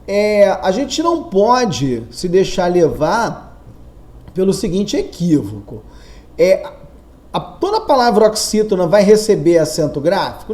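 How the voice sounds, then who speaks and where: Slow, lively-pitched male grammar teacher. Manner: slow, explanatory, rhetorical questions to students. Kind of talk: recorded lesson for exam candidates.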